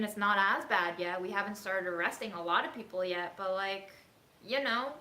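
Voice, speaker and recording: Filming a casual cooking vlog at home, a woman born in China talks in a fairly high, bright, forceful voice, sincere and outspoken in what she says. Her kitchen sounds echoey, with a little faint noise.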